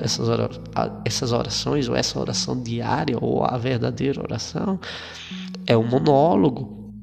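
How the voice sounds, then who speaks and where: Gravelly man preaching casually. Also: medium pitch. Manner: conversational, colloquial, with frequent fillers and repetitions. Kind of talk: informal sermon. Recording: long reverb with faint guitar.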